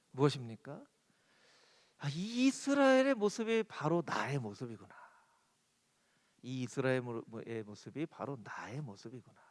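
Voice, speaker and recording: A male pastor preaching a sermon, animated and repeating key lines softly. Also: fairly high pitch, big-room sound. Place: church sanctuary.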